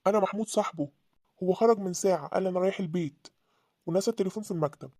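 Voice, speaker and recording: A woman's voice: fairly low pitch, very fast, mellow, dry recording, clean studio sound, lightly acted. A woman voicing a polite male office coworker on the phone in an Egyptian cartoon, with an Egyptian accent. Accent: Egyptian Arabic. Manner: polite, explanatory. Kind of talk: cartoon voice acting.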